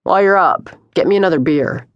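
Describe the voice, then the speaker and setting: A woman voicing a dismissive, irritable middle-aged husband, gruff and curt, in an audiobook. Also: on the low side, brisk, no echo, muffled recording, lightly acted. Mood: contemptuous.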